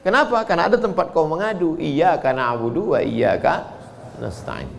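A man preaching a sermon, animated, swinging between loud exclamations and hushed murmurs. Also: fairly high pitch, moderate pace, gravelly, slight background noise.

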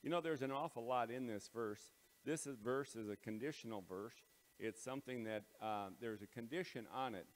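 A pastor with a medium-pitched male voice leads morning devotions, giving a casual devotional talk and prayer in a plain, halting delivery full of ums and uhs. He is in a large, empty auditorium under renovation with bare floors, and the recording carries the long, big-hall echo of that empty space.

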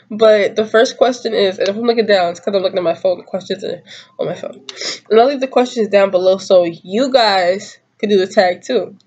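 Slightly stuffed up from a cold, a twenty-something YouTuber giggles and rambles in slang while doing a tag video to camera from a small room at home. Her voice is mid-range and a little mellow, captured with lo-fi sound.

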